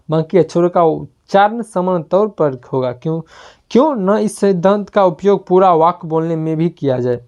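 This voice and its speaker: Low-voiced woman reading a self-help book. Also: muffled recording. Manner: steady reading with small slips and restarts. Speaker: book reader.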